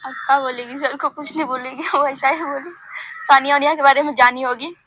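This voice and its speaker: Hushed anxious woman, high and bright. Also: steady tone, fairly quick, slight background noise. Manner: hushed and anxious, often dropping to a murmur. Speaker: nurse. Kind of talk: private phone conversation.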